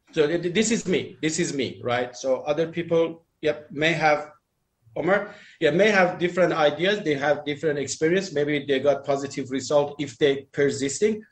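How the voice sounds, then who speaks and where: Brief: man, fairly high voice, talks at length on a call, loose and rambling. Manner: rambling, restarts, non-native phrasing. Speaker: dating talk panelist. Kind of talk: casual group chat, opinionated.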